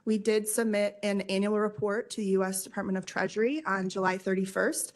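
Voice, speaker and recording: A woman's voice: medium pitch, steady tone, a little fast. A woman giving a formal prepared presentation in front of an audience at a public meeting. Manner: formal, addressing a room. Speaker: consultant presenter. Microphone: meeting microphone.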